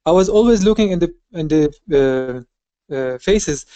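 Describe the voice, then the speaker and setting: A woman's voice: low voice, expressive, unhurried, dark tone, no echo, lo-fi sound. Earnest woman on a call. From Syria. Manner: earnest, searches for words. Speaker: surgery resident. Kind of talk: audience comment over a video call. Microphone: video call.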